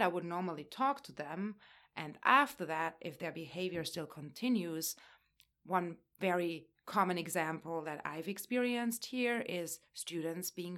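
Measured woman instructor, lower voice. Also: a bit bright. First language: not English. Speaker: literature instructor. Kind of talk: panel discussion answer.

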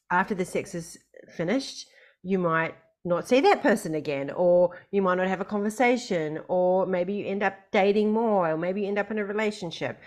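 A woman hosting a podcast in a conversational way. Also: fairly low pitch. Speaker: podcast host.

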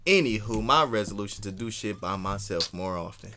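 A man co-hosting a casual podcast, loud and laughing, swearing freely. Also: on the low side, expressive, fairly quick. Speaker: podcast co-host. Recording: noisy room recording.

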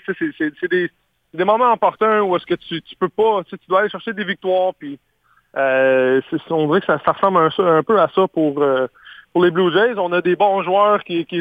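A man with a Québécois accent, a baseball analyst guest talking casually, halting with many fillers and restarts, heard over the phone. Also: on the high side, no echo. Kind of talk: casual phone-in radio chat. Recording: tinny phone line.

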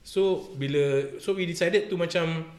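A man with a Singaporean accent chatting casually, mixing Malay and English with lah particles, in a halting, repetitive way. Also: a little high, darkish tone. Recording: roomy, echoey sound.

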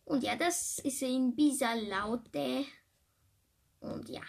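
A woman's voice: high voice, slow pace, vocal fry, slightly rough. A woman hosting a casual podcast from home, rambling with many fillers and repeated words. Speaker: podcast host.

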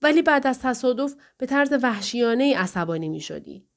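Woman doing a pleading husband, earnest, talks it through steady. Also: on the high side, creaky, pitched above the performer's own voice. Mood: explaining. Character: distressed man pleading with his wife. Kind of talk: audiobook dialogue reading.

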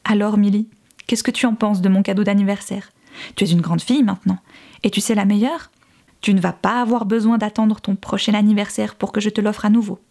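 Creepy whispery dad voiced by a woman, low and cold, storybook reading. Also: steady tone, a little fast, mellow, close to an everyday voice. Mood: mocking. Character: sinister whispering middle-aged man, a cruel father.

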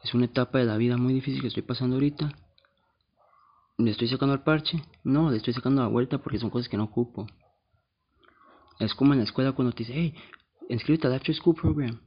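A man's voice: medium pitch, steady tone, fast, long pauses, dull audio. A man hosting a podcast in a blunt, slangy, confessional monologue. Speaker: podcast host. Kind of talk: casual monologue.

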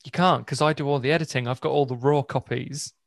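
A man's voice: medium pitch, fairly even intonation, quick pace, vocal fry, no room sound, clean studio sound. A British man hosting and editing a podcast, chatting in a laid-back, self-mocking way and laughing often. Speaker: podcast host and editor. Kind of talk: casual banter.

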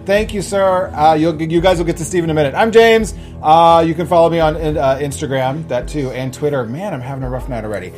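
A man co-hosting a casual studio panel chat, loud, playful and teasing. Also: fairly high pitch, a little fast, hardly any pauses, soft background music. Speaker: co-host.

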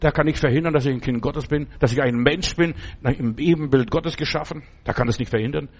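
A man with a fairly high voice delivering a sermon. He preaches emphatically, hammering home points through repetition. He often pauses to check in with the congregation. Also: breathy edge, dull audio.

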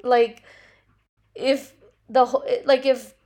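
A woman's voice: high-pitched, flat delivery, slow, darkish tone. Chatty woman host with a stuffy nose. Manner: chatty, swears freely, leans heavily on "like". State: stuffy nose, voice still recovering from a cold. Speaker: podcast host. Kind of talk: casual solo podcast chat. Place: at home with her dogs nearby.

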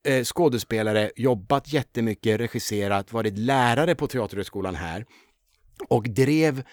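Male actor guest, mid-pitched, dry close mic, rambling storyteller. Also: no echo. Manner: animated storyteller full of fillers. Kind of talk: casual storytelling interview.

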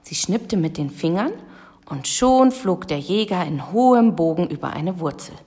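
A woman narrating a children's audiobook in a lively storytelling manner. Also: fairly low pitch, normal speed.

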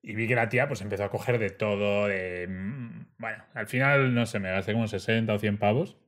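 A man, a relaxed storyteller in a casual conversation who often adds tag questions. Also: lowish voice, a little fast.

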